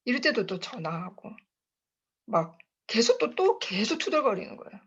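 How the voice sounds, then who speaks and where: A woman's voice: a little high, big pitch swings, normal speed, a bit bright, husky. A woman giving a motivational talk at a sales team meeting, telling her own story in a chatty way, laughing often and addressing her listeners as bosses. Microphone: online video call.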